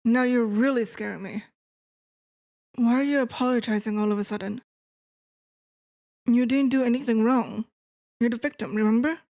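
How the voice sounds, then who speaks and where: A woman playing a possessive, controlling wife in an ASMR role-play, speaking with sweet, eerily obsessive calm and deliberate pauses. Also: a little high, no echo, clean studio sound. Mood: soft, unsettled.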